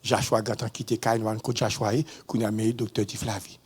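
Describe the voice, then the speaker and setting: A man with a Haitian accent, a pastor giving a testimony in a sermon, swinging between low murmurs and sudden high shouts. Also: flat delivery, a little fast, husky.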